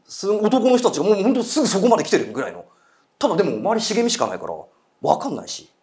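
A man's voice: high voice, big pitch swings, very fast, a little mellow. A man telling a ghost story in casual chat, acting out quoted voices and eerie murmurs. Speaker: guest storyteller.

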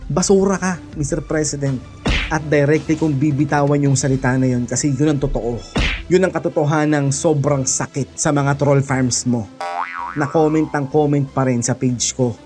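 A man vlogging political commentary in a fired-up, taunting voice that sits a bit high for a man. He scoffs, laughs with contempt and swears freely while speaking straight to his target and his viewers. Clear music plays underneath. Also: steady tone, moderate pace. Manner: mocking, heated, laughs scornfully, swears often; speaks directly to the president and to viewers as "mga idol". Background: background music.

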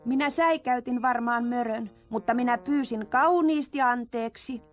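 A woman's voice: soft background music, close to an everyday voice. A woman voicing a young girl, timid and pleading, in a cartoon dub. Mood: explaining. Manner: high, childlike, frightened pleading.

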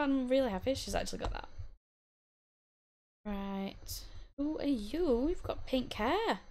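A woman giving casual, chatty commentary while playing a life-sim game, giggling, talking to her characters and breaking into excited bursts. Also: on the high side. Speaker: gaming channel host.

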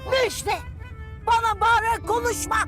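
A shrill, nagging mother. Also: normal speed, over music. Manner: nagging, scolding. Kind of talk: film dialogue.

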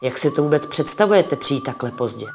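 A reformed old miser from a read-aloud storybook, cheerful and brisk, as a woman reader puts him on. The voice sits low for a woman. It stays close to her own reading voice. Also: expressive, music in the background. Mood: mock-stern. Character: old male miser, newly joyful and generous.

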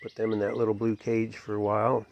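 A folksy man with a gravelly, creaky voice, narrating his farmyard on a handheld phone. The sound is dull and lo-fi, with chickens and outdoor noise behind him. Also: on the low side, quick pace. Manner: relaxed, folksy, talks to animals. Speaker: homestead vlogger. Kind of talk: casual narration while filming. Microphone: phone camera held by the filmer.

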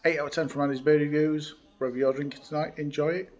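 A man's voice: on the high side, quick pace, dull audio. Chatty man reviewing beer. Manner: chatty, relaxed, frequent uh fillers. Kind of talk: casual beer review chat. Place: indoors by a window in a hotel room.

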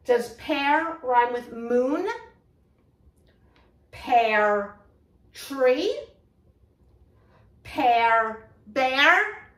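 A woman's voice: sits high, lively intonation, extremely slow, long pauses, fairly bright tone. A woman reading a rhyming storybook aloud as a children's teacher, encouraging young listeners and prompting them to repeat the words. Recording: echoey room, voice from a distance.

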